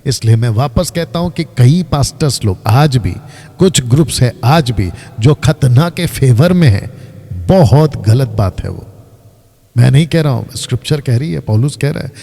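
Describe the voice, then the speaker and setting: Man, pastor, animated Bible teaching, long hall reverb. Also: medium pitch, normal speed, vocal fry. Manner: animated, directs a reader, quizzes the audience.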